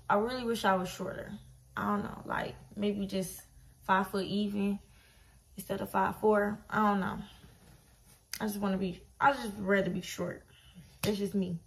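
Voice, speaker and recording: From a small bedroom indoors, a twenty-one-year-old Detroit woman, from Michigan, USA, chats to camera for her vlog. Her mid-range voice has vocal fry and a slightly bright quality, and her style is laid-back, slangy and blunt.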